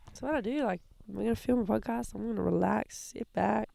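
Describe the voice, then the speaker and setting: A young woman co-hosting a podcast in casual chat, laid-back and swearing freely, her voice hoarse from being sick. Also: medium pitch, a little fast, dark tone. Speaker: podcast co-host. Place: outdoors, lying in a hammock.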